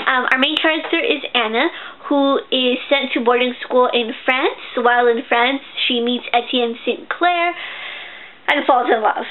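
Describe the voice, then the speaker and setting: High-voiced young woman, tinny phone-like sound. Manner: chatty, gushing, many fillers and restarts. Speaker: book reviewer. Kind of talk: casual book review vlog.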